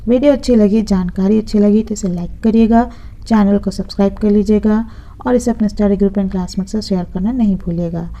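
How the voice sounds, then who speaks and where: A woman's voice: medium pitch, steady tone, a little fast, mellow, rough recording. A woman teaching an exam-prep vocabulary lesson, patiently repeating words and spelling some out letter by letter.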